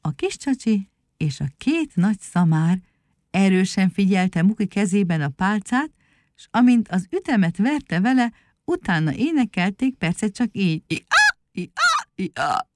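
A woman reading a children's storybook aloud, calm and measured, at an ordinary middle pitch. The sound is dry and close, with no room around it. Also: no room sound.

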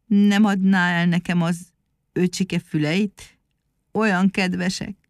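A woman reading a storybook aloud, voicing a sly, flattering trickster animal who poses as a singing teacher in a wheedling, theatrical tone. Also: on the low side, no echo, studio quality, lightly acted. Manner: wheedling, fawning, theatrical praise.

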